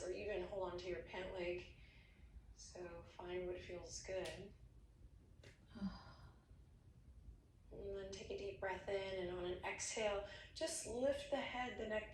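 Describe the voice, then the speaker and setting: A woman leading guided yoga instruction, speaking slowly and soothingly, often sinking to soft near-whispers. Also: mid-range voice, fairly even intonation, slight background noise. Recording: played back from a video, roomy and distant.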